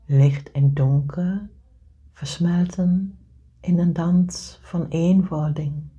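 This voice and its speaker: Female meditation guide; low, very slow, breathy and half-whispered. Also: steady tone, mellow, highs cut off. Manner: slow soothing delivery, often whispered.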